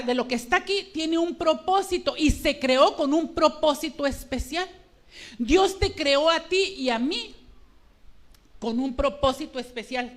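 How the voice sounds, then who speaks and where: A woman's voice: high-pitched, a bit bright. A woman preaching a sermon with emotion, speaking emphatically and directly to her congregation. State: emotional, trembling.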